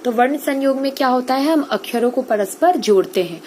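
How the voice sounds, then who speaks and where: A woman's voice: sits high, animated, a little fast, a little mellow, a little hiss or hum. A woman teaching an online Hindi grammar class. She explains step by step, asks the class questions, answers them herself and keeps checking that the students follow. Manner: explains step by step, often checks with "theek hai".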